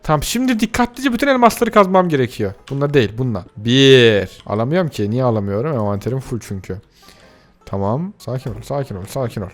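Man, gaming commentary, excitable, voice leaping up and down, faint music underneath. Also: medium pitch, quick pace. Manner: excitable, gasps and shouts at surprises; chatty, talks to viewers and himself. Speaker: gaming youtuber. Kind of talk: excited let's-play commentary.

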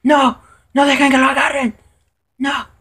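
A man giving casual live commentary over his own gameplay, excitable and prone to high shouts when things go wrong. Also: unhurried.

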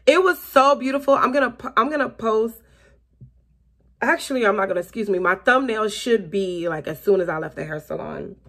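Speaking fairly quickly in a slightly high, fairly bright voice, a woman in her late thirties chats to viewers as she does her makeup in a small bedroom. The Florida-based beauty vlogger has a Southern US accent and rambles cheerfully, laughing often and saying "you guys," in a get-ready-with-me vlog. The recording comes from a camera close in front of her.

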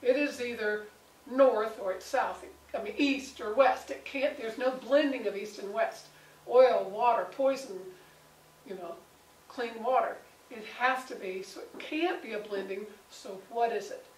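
A woman leading a conversational Bible study with a small group, animated and acting out the voices she quotes. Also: on the high side, a little slow. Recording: roomy, distant mic, faint background noise.

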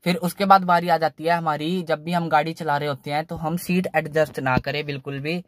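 A young man who hosts a car channel gives driving tips casually from a parked car, recorded on his phone. His voice is slightly high, steady and a little quick, with no room sound. His explanation is loose and repetitive, and he keeps saying "theek hai."

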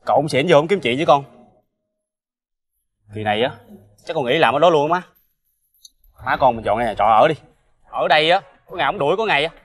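A quiet, weary young son. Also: male voice, a little high, animated, brisk, long pauses. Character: young nephew confiding in his mother.

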